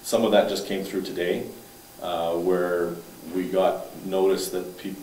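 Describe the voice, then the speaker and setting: A male town councillor reporting at a council meeting, talking in a halting, matter-of-fact way with many restarts. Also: low-pitched, level tone, a little mellow. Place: council chamber, indoors. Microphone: far room mic. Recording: echoey room, distant mic, faint hiss.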